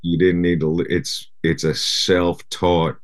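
A middle-aged man from Japan, a guest rapper, chatting in an interview in a relaxed, rambling way full of "you know". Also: low voice, unhurried. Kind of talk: casual interview chat.

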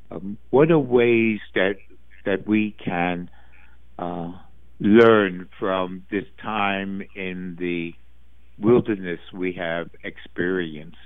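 An American man co-hosting a talk radio show, speaking thoughtfully in a halting, deliberate and measured way. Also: low-pitched. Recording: dull, band-limited phone-like sound.

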